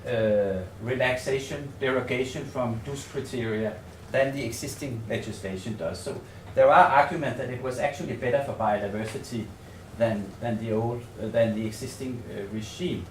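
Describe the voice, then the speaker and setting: A Danish man with a mid-range voice and a Danish accent presents his research at a hotel seminar room in English, his second language. He speaks haltingly and tentatively in a semi-improvised conference talk, thinking aloud and repeating words. The echoey room, distant mic and faint noise come through on the recording.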